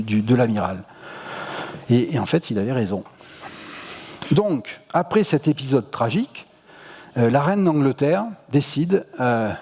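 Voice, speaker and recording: A man's voice: mid-range voice, mellow. A man with a Marseille accent giving a casual popular-science talk at a festival, slangy and full of hesitations. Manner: chatty, slangy, many hesitations. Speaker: public lecturer. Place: lecture hall at an astronomy festival. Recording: reverberant lecture hall.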